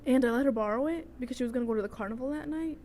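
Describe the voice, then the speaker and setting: Talking very fast in a high, mellow voice, a Salvadoran woman in her twenties vlogs a personal story in a chatty way. She meanders into tangents and keeps checking in with the listener, and her homemade vlog audio has noticeable noise.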